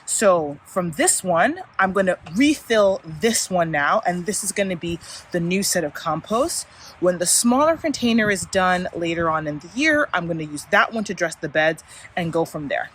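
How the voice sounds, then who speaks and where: A woman's voice: lowish voice, lively intonation, normal speed, a bit bright. Female backyard vlogger, informal and easygoing, talking to viewers outdoors with light ambient noise behind. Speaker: gardening vlogger. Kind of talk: casual chatty backyard vlog. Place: outdoors in a suburban backyard and side yard.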